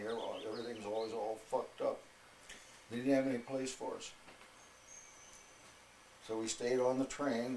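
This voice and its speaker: An elderly man, a veteran, looks back on his army service in an interview. His voice is on the low side and he speaks haltingly, feeling his way through the memories. The room rings with echo and there is a faint noise behind him. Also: a little mellow. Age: 80s. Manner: old veteran remembering, halting and unhurried. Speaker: military veteran being interviewed. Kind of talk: recalling wartime service in an interview.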